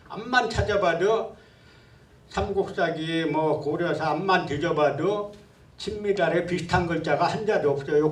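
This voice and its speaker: A man's voice: a little high, far from the mic. Scornful male lecturer in echoey hall. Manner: scornful, rhetorical questioning. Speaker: history lecturer. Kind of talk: public lecture.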